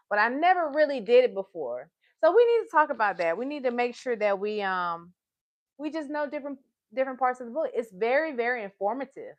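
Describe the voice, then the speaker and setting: A woman with a fairly high voice hosts live story time for children. Excitable and encouraging, she repeats phrases frequently and addresses the listening kids as friends.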